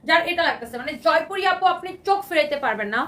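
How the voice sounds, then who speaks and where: A woman with a Bangladeshi Bengali accent, hosting a live shopping sale with an enthusiastic, repetitive pitch and English phrases mixed in; her voice is hoarse from shouting. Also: animated, racing, distant mic. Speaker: live-sale fashion seller.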